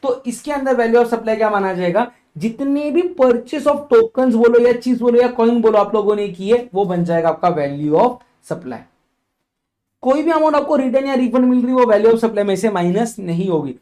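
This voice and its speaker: A man teaching a tax revision lecture, working through examples and often asking if it is clear, with English legal phrases read out slowly. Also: very high-pitched, animated, mellow. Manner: explains with worked examples and checks for understanding.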